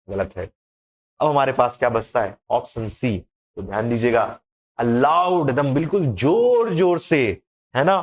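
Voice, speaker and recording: A man teaching an exam-prep lesson on English idioms, explaining in a lively, repetitive way and asking rhetorical questions. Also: fairly high pitch.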